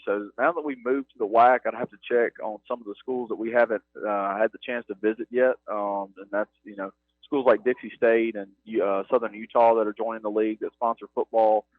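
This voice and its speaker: A man who runs game operations at a stadium speaks in a mid-range voice at a brisk pace as a guest on a halftime radio interview. He talks earnestly and rambles, with plenty of "you know"s, from the stadium's press box broadcast booth. The sound is dry and narrow, like a phone-quality radio broadcast, with no echo.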